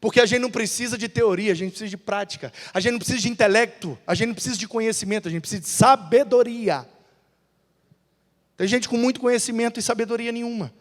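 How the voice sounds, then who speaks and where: A man preaches with a high, lively voice. His sermon rolls through a church hall with a long reverb trailing each phrase. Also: fast talker. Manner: lively preaching, acts out biblical dialogues in voices. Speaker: pastor.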